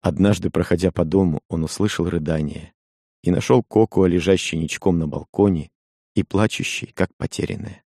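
A man narrating a story with a low, mellow voice. His delivery is measured and expressive. The recording is dry and close. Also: no room sound. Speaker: audiobook narrator. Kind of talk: scripted narration.

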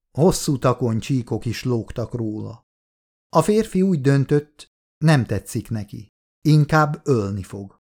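A man narrating a horror audiobook in a measured, steady reading voice. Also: mid-range voice.

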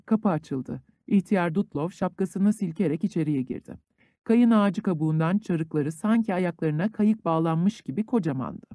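A male audiobook narrator reading classic literature in a calm, even way. His voice is mellow and dark, and it sounds dry and close to the mic, with no room around it. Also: high-pitched, moderate pace, no echo.

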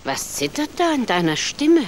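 A woman's voice: a little high, very animated, moderate pace, a little hiss or hum. An actress playing a cruel, greedy, half-blind old witch in a radio play, cackling and taunting, sometimes dropping to sly whispers.

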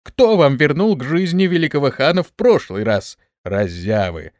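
Man voicing a cunning young hero, brash, lively pitch, dry close sound. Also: normal speed, no room sound. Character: cunning young male hero, sly and bold. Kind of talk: audiobook character reading.

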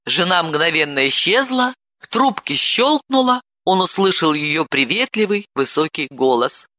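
A man narrating an audiobook with an expressive, dramatic reading. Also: on the high side, a little slow, no room sound.

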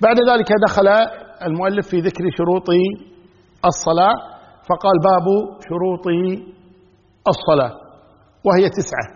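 A man explains a classical text in a steady lecture manner, often repeating himself. His husky voice sits a little high. The sound is muffled and lo-fi, with a long echo trailing behind each phrase. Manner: measured, repeats key phrases, recites formulas. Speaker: Islamic scholar teaching a fiqh text. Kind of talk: recorded religious lesson. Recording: dull lo-fi audio with long reverb.

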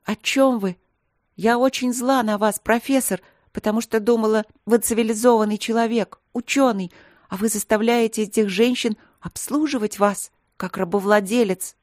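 A woman voicing a fiery, indignant teenage princess in an audiobook, heated and near shouting. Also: a little high, fairly even intonation, normal speed, no room sound, clean studio sound, voice pushed up, close to an everyday voice.

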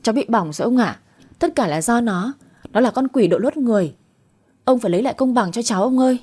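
A woman voicing a spiteful young wife who mocks and then wails in shrill complaint. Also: brisk, mellow, husky. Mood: wailing.

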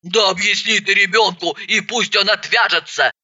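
A woman voicing a loud, nervous and blunt woman who speaks slowly and heavily. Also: mid-range voice, lo-fi sound.

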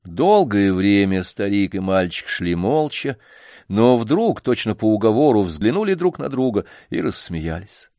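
A man narrating an audiobook in a measured, even manner. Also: lowish voice, no room sound, clean studio sound.

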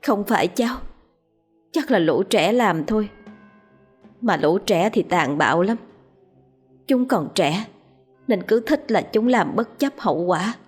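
A woman voicing a subdued young female ghost who speaks quietly with a sigh, a little higher than her narration. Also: lively intonation, unhurried, long pauses, husky, soft background music. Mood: sullen, resigned. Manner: quiet, sighing.

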